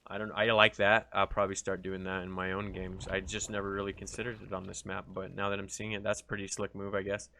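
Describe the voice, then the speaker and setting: A man's voice: deep voice, completely flat delivery, quick pace, few pauses, sharp tone, a little hiss or hum. A man casting a live strategy game match in a loose, chatty way, swearing freely. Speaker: esports caster. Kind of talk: casual live game commentary.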